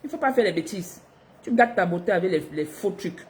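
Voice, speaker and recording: A middle-aged African woman tells her viewers a personal story, lively and expressive, laughing between lines. This vlogger's voice is on the low side and brisk.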